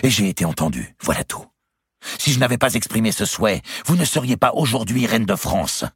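A man voicing a hot-tempered young king who shouts indignantly and whose voice cracks high when cornered. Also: expressive, moderate pace, gravelly, husky, no room sound, studio quality, exaggerated voice. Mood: furious.

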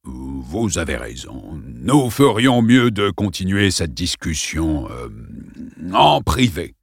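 Un vieux directeur d'école lugubre et pompeux, joué par un homme dans un livre audio, à la voix sépulcrale, grave et rocailleuse. Il parle très lentement, avec des silences. Le timbre est voilé et le son est sec. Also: male voice, sits low, very animated, slow pace, vocal fry, husky, no echo, studio quality, voice pushed down, exaggerated voice. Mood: solennel. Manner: lent, hésitant, solennel.

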